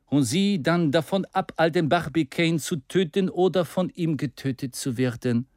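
A man's voice: fairly high pitch, moderate pace, a little mellow, dry recording, clean studio sound, close to an everyday voice. An eager, persuasive adventurer, as a male reader puts him on. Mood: urging.

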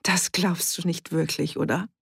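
A woman voicing a gruff, dismissive male farmer in an audiobook, curt and brusque. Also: lowish voice, steady tone, normal speed, no room sound, clean studio sound, exaggerated voice.

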